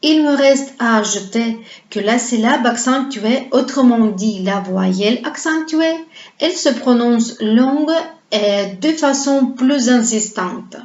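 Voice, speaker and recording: A woman's voice: on the high side, slow, a little mellow. A woman teaching a pronunciation lesson, explaining patiently and asking her viewers to repeat words after her. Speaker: Russian language teacher. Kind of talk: slow, carefully paced pronunciation lesson. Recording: roomy, slightly dull lo-fi sound.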